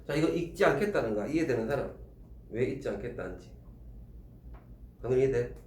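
A man's voice: medium pitch, brisk, slight background noise. Man, teaching tutor, teasing manner, roomy classroom. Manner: animated, teasing, quizzes students. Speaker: Korean language tutor. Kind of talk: classroom lecture. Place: small classroom. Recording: roomy classroom, faint ambience.

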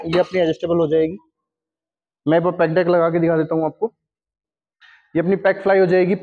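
A high-voiced man with an Indian accent, a gym equipment seller, walks through a product demo in his showroom, explaining each station and switching between Hindi and English terms. The recording has long hall reverb and a dull lo-fi sound.

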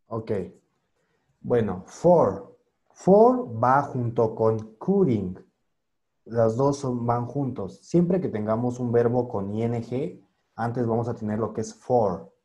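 Slow, patient teacher, man. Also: mid-range voice, animated, warm tone, highs cut off. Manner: slow, patient, spells words and translates. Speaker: English teacher. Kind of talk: online English class. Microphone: video call.

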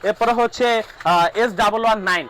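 A man's voice: very high-pitched, brisk, music in the background, rough recording. A man with a Bangladeshi Bengali accent works as a drone shop salesman, running through prices in repetitive sales patter and checking in with "all right?". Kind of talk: rapid-fire price rundown.

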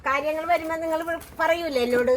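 A woman's voice: extremely high pitch, fast talker, a little hiss or hum. A woman playing a domineering mother-in-law who nags and scolds in an amateur short film. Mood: boastful. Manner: nagging, scolding with repeated challenges.

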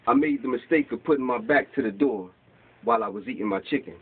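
Fast and breathy-edged, a mid-range male voice belongs to a man in his forties performing his rhyming spoken word poems at an open mic in a small bookstore. He reads from papers, keeps a rhythmic flow, and gestures. A camera across the room captures tinny lo-fi sound.

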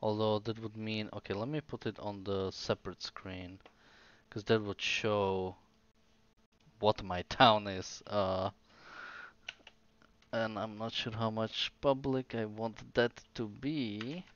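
A man's voice: fairly low pitch, fairly even intonation, slow pace, lo-fi sound. A sleepy young man who is losing his voice, chatting casually on a live stream, rambling and hesitant with many fillers and restarts.

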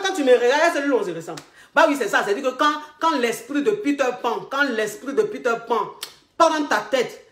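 Lively Ivorian woman telling stories. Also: a little high. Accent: Ivorian French. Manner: expressive, repeats herself, laughs often, acts out dialogue. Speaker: relationship coach. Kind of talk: animated comic storytelling. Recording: echoey room.

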